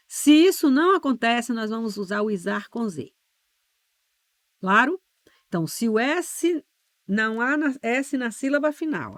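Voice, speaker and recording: A woman's voice: mid-range voice, no echo. Brazilian woman teaching spelling, dry sound. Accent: Brazilian Portuguese. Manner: explains step by step with many rhetorical checks; slows and stresses key letters. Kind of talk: online exam-prep lesson.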